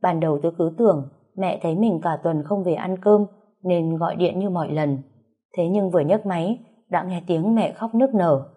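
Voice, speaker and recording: Female audiobook narrator; earnest and reflective, low pitch, mellow tone. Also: moderate pace, breathy edge. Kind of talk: dramatic story reading.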